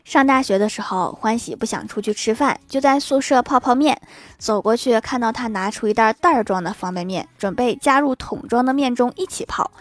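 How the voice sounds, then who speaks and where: A woman's voice: a little high, fairly quick, soft background music. A woman telling jokes in a casual, teasing way and chuckling at her own punchlines. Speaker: online shop host telling jokes. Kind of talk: casual joke storytelling.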